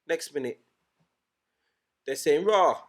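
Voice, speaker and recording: A man co-hosting a casual podcast chat, animated and emphatic, often swearing. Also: mid-range voice, a little fast, slightly rough. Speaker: podcast co-host.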